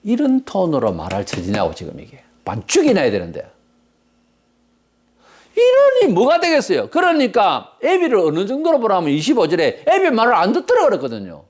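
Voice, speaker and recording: A man's voice: sits high, wildly swooping pitch, moderate pace. A man preaching a sermon as pastor, blunt and emphatic, firing off rhetorical questions.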